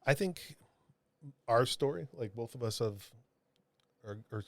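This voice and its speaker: A man, a comic book artist, telling a heartfelt story in a podcast interview, halting with many restarts and fillers. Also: medium pitch, animated, dry recording. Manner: earnest, heartfelt.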